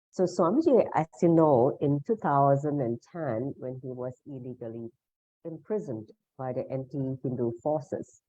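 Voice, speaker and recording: A woman with a very deep, dark voice leads an online meditation lesson over a video call, explaining in a devotional, instructional way. The recording is dry, and the session audio sounds dull and muffled.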